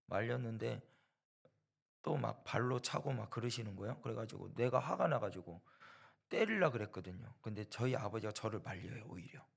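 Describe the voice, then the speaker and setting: A man preaching a sermon in a gravelly, rough-edged voice. He drives points home with repeated phrases and rhetorical questions, slipping into the voices of people in his story. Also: lowish voice, expressive, moderate pace. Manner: emphatic, rhetorical questions and repetition; storytelling that acts out quoted voices. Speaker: preacher at a church.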